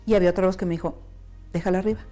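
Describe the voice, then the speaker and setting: A woman's voice: fairly low pitch, racing, faint music behind. A woman with a Mexican accent telling her personal faith testimony, acting out remembered dialogue. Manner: animated, acts out remembered dialogue. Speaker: interviewee giving testimony.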